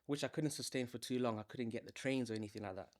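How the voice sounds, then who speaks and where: A man's voice: medium pitch, fast. A man in his thirties from Malawi, talking through his career as a salesman in an easygoing, conversational interview. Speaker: guest, salesman. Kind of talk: casual interview storytelling.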